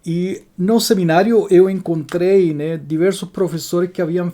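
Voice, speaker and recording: A man in his sixties from Chile, telling his life story as an interview guest in a measured way, often adding tag questions. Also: high voice, fairly even intonation, warm tone. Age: 60s.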